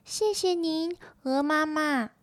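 Tadpole children, eager and shrill, put on by a woman reader; close dry storybook read. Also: takes it slowly, no echo. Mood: polite. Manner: high, calling out excitedly.

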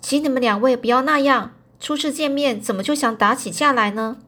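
Worried teary young woman, pleading, a bit higher, storyteller lady doing her. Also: a little fast, a bit bright. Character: anxious, tearful young woman.

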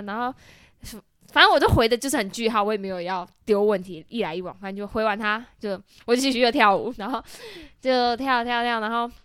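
A woman in her twenties with a Taiwanese Mandarin accent, telling a story in casual chat, animated and full of laughter. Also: a little high, smooth, no echo, studio quality. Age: 20s. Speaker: podcast co-host.

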